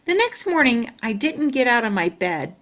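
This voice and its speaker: Reading aloud from a children's storybook at a moderate pace, a woman with a fairly high voice brings the tale to life in an expressive storytelling manner.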